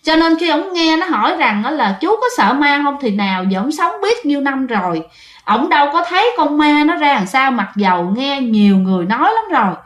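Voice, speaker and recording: Chatty high-voiced woman storyteller. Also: lively intonation, brisk. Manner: chatty, addresses listeners, restarts often. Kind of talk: casual ghost-story narration. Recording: roomy echo.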